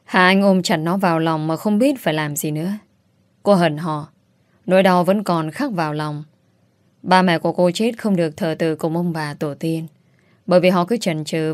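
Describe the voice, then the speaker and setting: Low-voiced woman narrating a drama. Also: moderate pace, no echo. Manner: steady, dramatic storytelling. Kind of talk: scripted audiobook narration.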